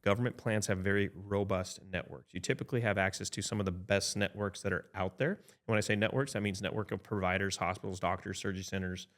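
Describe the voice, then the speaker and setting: A man in his fifties with a lowish voice talks through insurance options as an advisor in a loose podcast conversation. He thinks aloud, backs up and restarts, and keeps tossing in "right?" to check that his listener is following. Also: fairly even intonation, quick pace, hardly any pauses, a bit bright. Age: 50s. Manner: chatty, frequent "right?" tag checks and restarts. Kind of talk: casual podcast explanation.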